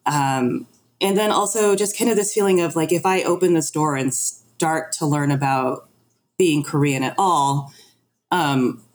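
As a guest on a podcast, a woman talks candidly and reflects on herself, acting out the remarks she quotes along the way. Her voice is low-pitched, a little slow and somewhat mellow, suited to this personal conversation.

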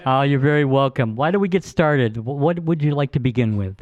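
A man's voice: medium pitch, a little fast, a little mellow. A man hosting as a DJ in a studio, chatting casually and teasing his guests. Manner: teasing, jokey. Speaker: radio DJ host. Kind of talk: casual live studio chat. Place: broadcast studio. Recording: dull lo-fi dry studio sound.

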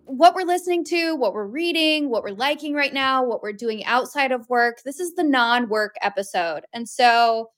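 A woman's voice: high voice, expressive, normal speed, few pauses, faint music behind. A woman co-hosting a podcast, reading ads and chatting in an upbeat, smiling way. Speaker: podcast co-host. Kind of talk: casual podcast chat and ad reads.

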